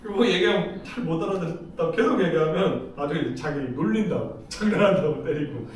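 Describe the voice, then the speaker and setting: In an echoey hall with slight background noise, a middle-aged Seoul man speaks briskly and animatedly, his voice on the high side. The mic is distant as he gives a casual, chatty lecture peppered with stories and laughter.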